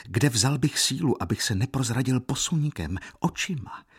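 A man's voice: medium pitch, animated, slightly rough, pitched above the performer's own voice. A man reading as a passionate, torn young lover. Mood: agitated. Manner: agitated, pleading.

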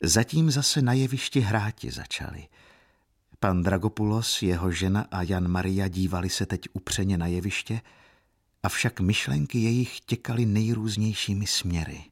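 Husky man narrating a novel. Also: on the low side. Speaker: audiobook narrator.

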